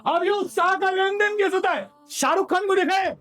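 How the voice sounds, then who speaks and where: A male sales trainer giving an energetic motivational seminar in a hall and drilling the audience to repeat his lines. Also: extremely high pitch, a little fast, faint music behind.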